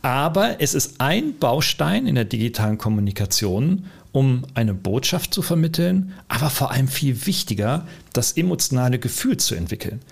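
A man with a gravelly, slightly rough voice at a middle pitch talks casually as a podcast co-host. He is animated and rambling, full of fillers and restarts. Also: moderate pace, hardly any pauses. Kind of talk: casual conversational podcast talk.

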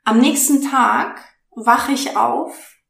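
Upbeat woman with a higher voice. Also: slow, gravelly. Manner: animated, excitable storytelling. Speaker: interview guest, podcaster. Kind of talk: casual interview chat. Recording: echoey room.

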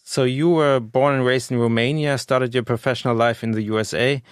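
A man's voice: mid-range voice, steady tone, fairly quick, clean tone, no echo. A man interviewing a guest in a studio, asking questions casually with some fillers. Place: radio studio.

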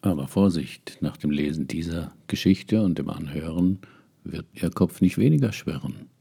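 A man's voice: low voice, animated, moderate pace, gravelly, warm tone, husky. An older man telling a story, musing and speaking straight to his listeners. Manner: musing, addresses listeners directly. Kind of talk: reflective spoken essay and story reading.

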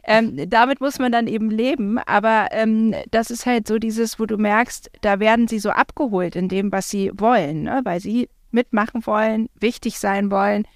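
A mid-pitched woman talks as a parent in a casual, reflective way, often pausing on fillers. Her voice sounds dry and close, with no room around her. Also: no echo. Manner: chatty, reflective, with frequent fillers. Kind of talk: casual conversation.

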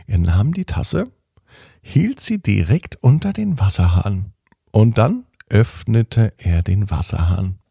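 A man reading a bedtime story in a calm, unhurried way. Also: fairly low pitch, vocal fry, breathy edge, no echo, clean studio sound.

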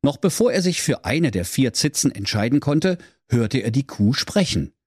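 A man's voice: medium pitch, very animated, moderate pace, darkish tone, slightly rough, no echo, clean studio sound. A man narrating a parody fairy tale in a mock-solemn storytelling tone. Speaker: radio comedian.

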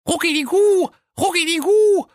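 Tiny chirping singsong cheeses. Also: male voice, extremely high pitch, measured pace, no room sound, clean studio sound, voice pushed up. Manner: singsong chant.

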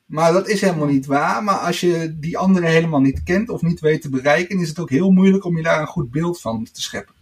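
A man's voice: on the high side, quick pace, hardly any pauses. A man, a guest in a casual interview, talking hesitantly with many filler sounds. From Netherlands. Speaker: podcast guest.

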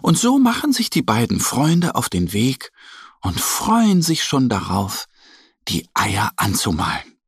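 A man narrating a children's story in a calm, gentle storytelling manner. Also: medium pitch, a little slow, vocal fry, slightly rough, no echo.

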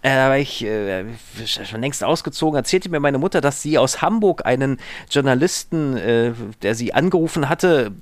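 A man's voice: medium pitch, expressive, moderate pace, hardly any pauses, dry recording. A man from Berlin, a podcast guest, telling stories from his bed in a rambling, hesitant casual chat full of fillers. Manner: rambling, digressive, with many hesitations.

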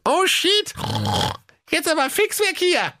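A man voicing a bold, mocking little female pig in a comic storybook reading, in a shrill, taunting falsetto. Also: lively intonation, takes it slowly, bright, forceful tone, exaggerated voice.

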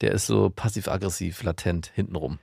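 A man in his thirties hosting a podcast in casual chat, teasing and quick with dry remarks. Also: low-pitched, creaky, darkish tone, dry recording. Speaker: podcast host.

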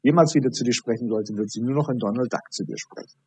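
A man, a high performance coach, talking as a podcast guest and acting out dialogue while he tells stories. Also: fast, breathy edge, no echo. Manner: animated storytelling, acting out dialogue.

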